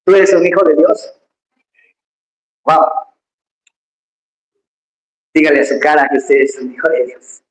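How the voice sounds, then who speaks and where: A pastor preaching a lively, emphatic sermon, speaking straight to the congregation in a church. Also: medium pitch, measured pace, pauses often. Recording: echoey church hall.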